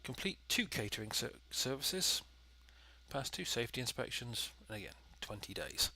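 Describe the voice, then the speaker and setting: Nasal, congested man with a bright edge. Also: medium pitch, sing-song, moderate pace. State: has a head cold. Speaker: gaming video host. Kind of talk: casual let's play commentary.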